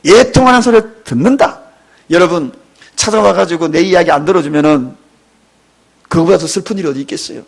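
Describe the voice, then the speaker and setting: A man in his fifties, a pastor preaching a sermon in a church, dramatic and emotional, with sudden loud outbursts and tearful cries. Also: fairly high pitch, brisk, creaky, pauses often. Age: 50s. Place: church sanctuary.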